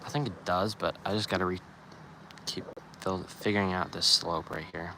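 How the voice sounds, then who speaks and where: A young male streamer with a low, gravelly voice, musing out loud as he builds and turning to his viewers for advice. His casual, thinking-aloud talk sits over a steady hiss of background noise. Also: normal speed. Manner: thinks aloud, musing and asking chat for opinions. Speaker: live streamer.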